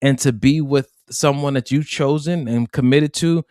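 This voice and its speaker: A man co-hosting a casual relationship podcast, speaking in a reflective, measured way and stretching words for emphasis. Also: medium pitch, dark tone, no room sound, clean studio sound. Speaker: podcast co-host.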